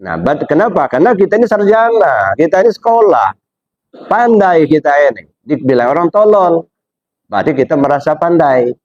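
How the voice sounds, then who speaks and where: A man's voice: a little high, big pitch swings, normal speed, darkish tone, no room sound, lo-fi sound. A man from Indonesia giving informal religious teaching, talking directly to a listener with rhetorical questions and frequent "ya, dah.".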